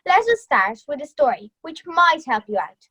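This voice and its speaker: A woman's voice: sits high, sing-song, moderate pace, pushed and bright, exaggerated voice. A woman voicing a grumpy, bullying older male wolf with a menacing, scornful, growling manner in a youth theatre storybook reading.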